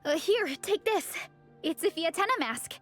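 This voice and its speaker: A woman's voice: extremely high pitch, lively intonation, normal speed, soft background music. A woman voicing an eager young woman who leads a fan club, earnest and enthusiastic. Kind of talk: game dialogue.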